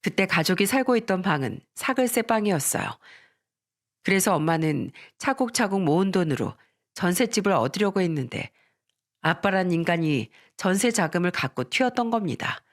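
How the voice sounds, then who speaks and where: A woman giving scripted narration of a story in a calm, polite storytelling manner. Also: lowish voice, moderate pace.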